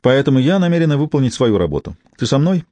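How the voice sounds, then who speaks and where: A man reading the lines of a brisk, wry young policewoman in a recorded audiobook. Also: medium pitch, very animated, warm tone, no room sound, close to an everyday voice.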